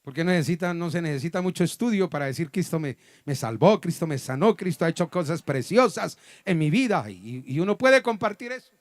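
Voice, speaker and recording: Male pastor, Colombian accent, higher voice, dry close recording, dramatic sermon storytelling. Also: expressive, a little fast, hardly any pauses, no room sound. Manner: dramatic storytelling, acting out voices with sudden loud and soft turns. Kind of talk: sermon testimony. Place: church hall.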